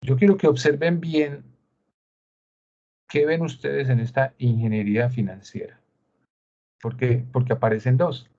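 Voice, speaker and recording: A man's voice: medium pitch, steady tone, measured pace, long pauses, dark tone. A man with a Colombian Spanish accent gives a screen-share tutorial, explaining step by step and asking rhetorical questions. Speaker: instructor. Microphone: video call. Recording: dull lo-fi video call audio.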